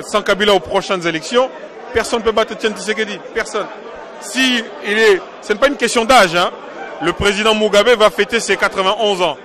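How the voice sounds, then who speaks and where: Congolese guy being interviewed outside, high bright voice, keeps hammering his point, faint crowd behind. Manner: emphatic, insistent, repeats his points. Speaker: diaspora political activist. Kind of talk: interview answers.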